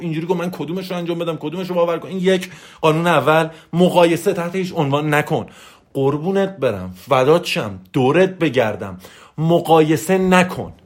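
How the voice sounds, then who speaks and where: A man giving a motivational lecture as a success coach, forceful and emphatic, raising his voice and firing off lists. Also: high-pitched. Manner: repetitive, rapid-fire lists.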